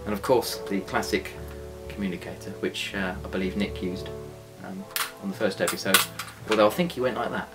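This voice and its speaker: Deep-voiced joking man. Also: fairly even intonation, brisk, few pauses. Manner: joking, self-mocking. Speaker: co-creator and actor of a home-made series. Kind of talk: casual interview chat. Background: guitar music.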